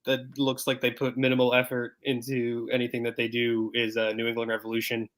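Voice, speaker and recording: A man's voice: medium pitch, monotone, fairly quick, fairly bright tone. A man co-hosting a soccer podcast in casual chat, easygoing and agreeable with frequent fillers. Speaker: podcast co-host.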